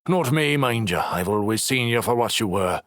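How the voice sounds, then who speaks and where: A man narrating an audiobook voices a bitter, injured male crew leader with a rough, growling, scornful delivery. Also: on the low side, lively intonation, normal speed, a bit bright, no room sound, studio quality, voice pushed up.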